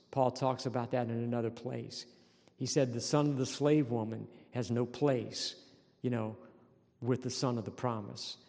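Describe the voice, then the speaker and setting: Man, pastor, sermon, earnest, repeats phrases, mellow tone, reverberant hall. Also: mid-range voice, gravelly. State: throat tickle, clearing throat.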